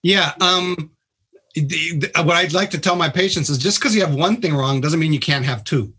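A hospital doctor appears as a guest on a radio talk show, explaining things in a plain-spoken, informal manner. His voice is a little high and sharp, with a breathy edge, and he speaks at a moderate pace.

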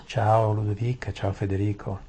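A man reading a bedtime story aloud in a gentle, soothing way, with small restarts. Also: on the low side, flat delivery, normal speed, slight background noise.

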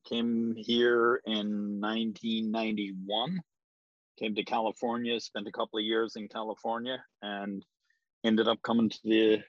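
A man's voice: lowish voice, a bit bright, no room sound. A man in his forties with an Irish accent, answering interview questions in a rambling, hesitant way with frequent ums. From Ireland. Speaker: real estate agent, guest. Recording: dull lo-fi sound.

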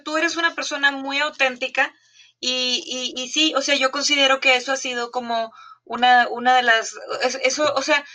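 A woman host speaks with a high, bright, sharp voice in casual conversation. She halts often and restarts her sentences with fillers before finishing a thought. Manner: halting, many restarts and fillers.

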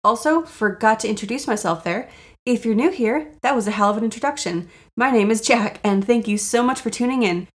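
A woman hosting a casual, jokey solo podcast, self-deprecating and sweary, with a raspy voice, audible vocal fry and a sore throat. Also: on the high side, a little fast. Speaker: podcast host.

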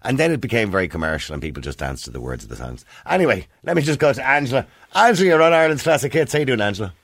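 A man's voice: mid-range voice, big pitch swings, very fast, vocal fry, slightly rough, dry recording, studio quality. A middle-aged man with an Irish accent hosting a radio phone-in, reminiscing in a conversational, opinionated way with many digressions. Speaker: radio phone-in host, former DJ. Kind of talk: casual radio talk, reminiscing. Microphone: close studio microphone.

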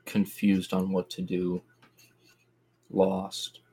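A man playing a tabletop game, slowly describing what his character does. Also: sits low, monotone, dark tone, slightly rough. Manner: slow, halting narration of actions. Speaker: player.

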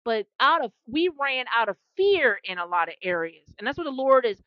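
A woman's voice: on the high side, sing-song, normal speed, dry recording, lo-fi sound. A woman who calls herself a prophetess, preaching with fervent, repetitive energy and call-and-response asides. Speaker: self-described prophetess. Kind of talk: impassioned preaching monologue.

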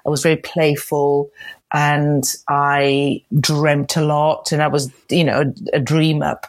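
Lady, really low voice, dry close sound, chatty and rambling. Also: little pitch movement, a little slow, no room sound. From Croatia. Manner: chatty and rambling, with restarts and laughs. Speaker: guest, hair and makeup designer. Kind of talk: casual interview storytelling.

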